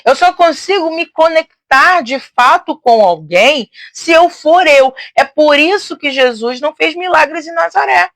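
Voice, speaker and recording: A woman teaching in a casual, talkative way, speaking loudly and expansively with frequent tag questions and restarts. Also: sits high, expressive, unhurried, few pauses, no room sound. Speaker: teacher and host. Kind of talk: casual teaching on faith and psychology.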